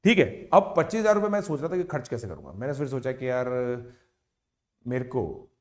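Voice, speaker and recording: A man in his thirties, speaking as an educator, tells students a personal story in a lively, conversational way. He keeps checking in with his audience and drops English words into his speech. His voice sits at an ordinary middle pitch. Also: brisk. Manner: chatty, animated, with frequent "theek hai" check-ins; mixes English words into Hindi. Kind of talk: casual motivational storytelling to online students.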